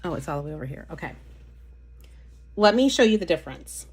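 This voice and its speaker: A low, very animated and slightly rough woman's voice moves a little fast as she hosts a casual nail polish live stream. Showing off polish, she chats with viewers, reads their comments aloud and gets easily sidetracked.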